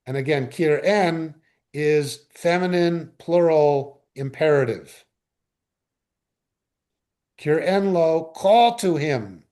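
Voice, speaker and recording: Slow, playful Hebrew study teacher, man. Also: a little high, expressive, mellow. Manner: explains slowly, reads verses aloud and acts out characters playfully. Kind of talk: informal class lecture. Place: study class in a synagogue room.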